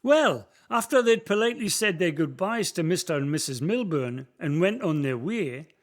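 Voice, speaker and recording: Here the actor's voice sits a little high and sounds natural and animated, moving at a moderate pace. With a Northumbrian accent, he plays old Billy, a local who shares the valley's history with a visitor in a community radio play. The storytelling is folksy, rich in broad dialect.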